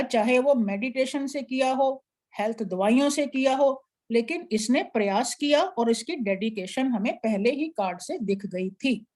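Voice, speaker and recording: A woman's voice: fairly high pitch, a little mellow. A woman teaching a live tarot class, explaining card spreads step by step. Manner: explanatory, instructive, asks an assistant to show slides. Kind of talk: live online class lecture.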